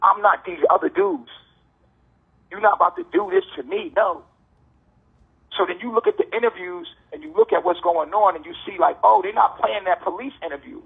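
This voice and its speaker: High-pitched American male, prison phone call, muffled lo-fi line, emphatic slangy monologue, rhetorical questions. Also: very animated, moderate pace, vocal fry, pauses often, slightly rough. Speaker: detainee speaking on a jail phone call. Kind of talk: impassioned informal monologue.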